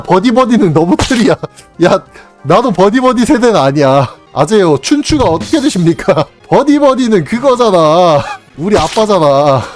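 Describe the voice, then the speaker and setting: A young man in his twenties, casually chatting on a live stream, teasing his viewers with playful mock outrage and frequent laughter. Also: sits high.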